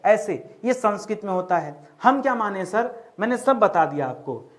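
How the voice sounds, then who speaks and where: High-voiced man teaching a grammar lesson. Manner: repeats questions back to the viewers, calling them friends. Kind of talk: exam-prep grammar lesson.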